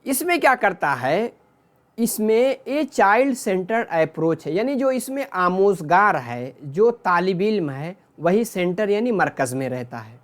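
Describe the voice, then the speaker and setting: A man's voice: sits high, big pitch swings, a little slow. Guy teaching an exam-prep class, goes step by step, keeps checking in, swaps terms between urdu hindi and english.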